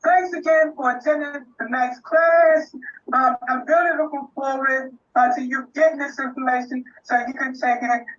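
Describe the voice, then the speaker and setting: A man in his sixties closing a live online class as the instructor, halting and full of fillers and restarts. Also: very high voice, steady tone, a bit bright, muffled recording. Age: 60s.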